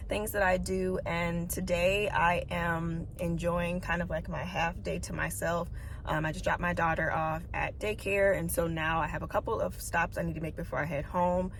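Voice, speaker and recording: A woman's voice: lowish voice, normal speed, slight background noise. A young woman chatting casually to her viewers in a day-in-the-life vlog, loose and rambling with lots of "um" and "like.". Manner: chatty, loose, with many fillers and "like". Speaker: vlogger and business coach.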